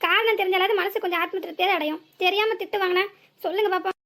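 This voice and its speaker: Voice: very high-pitched, steady tone, very fast, pushed and bright, exaggerated voice. A voice actor doing a groggy bewildered young man. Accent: southern Tamil Nadu. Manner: pleading, groggy complaints. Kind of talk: cartoon voice acting.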